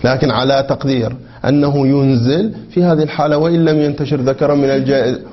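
Man teaching by asking and answering his own questions. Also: medium pitch. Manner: asks leading questions and answers them; reads quoted text slowly and deliberately. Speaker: religious jurisprudence teacher. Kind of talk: seminary lecture explaining a legal text. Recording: dull lo-fi lecture recording.

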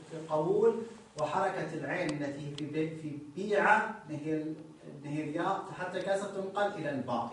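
A man's voice: on the high side, distant mic, slight background noise. A male grammar teacher, explaining a text to a class and repeating key phrases so students notice them. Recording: very echoey room, voice from off-mic.

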